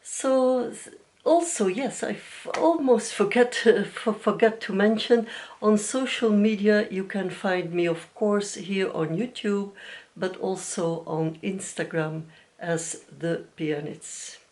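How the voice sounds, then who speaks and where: A soft-spoken Belgian woman whose first language is Dutch hosts a knitting podcast, chatting casually on video through a camera mic. Her medium-pitched voice is slow and gentle, and she seems a little nervous, hesitating with many fillers and small restarts.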